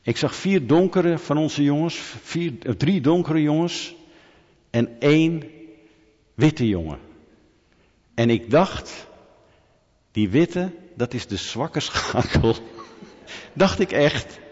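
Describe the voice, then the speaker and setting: A pastor preaching a sermon, telling lively stories with humorous asides and questions to the congregation. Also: male voice, on the high side, slow pace, pauses often, big-room sound, muffled recording.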